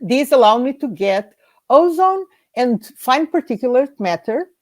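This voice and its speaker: A woman from Portugal, a scientist, giving a prepared slide presentation in a measured way, reading through lists. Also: sits high, big pitch swings, darkish tone.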